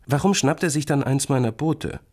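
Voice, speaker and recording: Guy doing a small stubborn kid, high and whiny, gets scared easy, storybook. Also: normal speed, darkish tone, close to an everyday voice. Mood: anxious.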